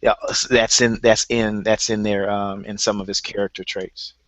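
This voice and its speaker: A man's voice: lowish voice, level tone, normal speed, dry recording. A man from Alabama speaking on a panel, hesitant, repeating himself with many ums. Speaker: panel guest. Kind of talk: casual panel discussion. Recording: dull, lo-fi audio.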